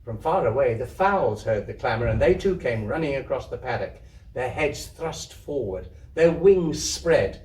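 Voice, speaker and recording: With lively intonation and an unhurried pace, this man narrates a literary story expressively for an audience, using a dramatic, descriptive style. He belongs to a theatre troupe, and his darkish, medium-pitched voice carries through an echoey room at an indoor community venue, picked up by a far-off microphone.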